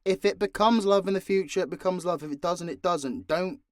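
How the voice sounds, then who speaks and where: Speaking a little fast in a voice that sits high, this man is an audio drama creator answering listener questions in an unscripted monologue. He's blunt, sweary, and theatrically exasperated, and the studio-quality recording is dry.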